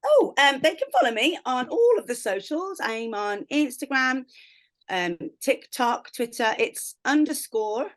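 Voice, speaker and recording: A young actress talks in a chatty, bubbly way, with lots of fillers and restarts. Her voice sits a little high for a woman. She sounds relaxed and eager in casual interview talk. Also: a little slow.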